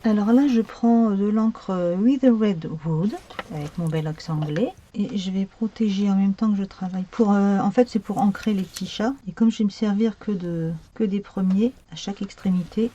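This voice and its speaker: A woman hosting a card-making tutorial narrates as she works, chatty and thinking out loud with plenty of fillers. She has a medium-pitched voice with a dark tone.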